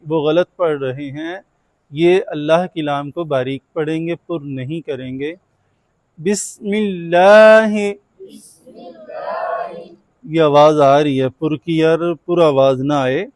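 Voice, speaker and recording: A man teaching Quran recitation in an online class, firmly correcting students and drawing out the recited words slowly. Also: a little high, a little mellow, no room sound.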